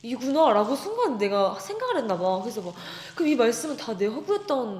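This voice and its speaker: Animated young woman telling a story. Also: fairly high pitch, fast, a little hiss or hum. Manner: animated storytelling, acts out quoted voices. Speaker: guest. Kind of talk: casual personal testimony. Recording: echoey room.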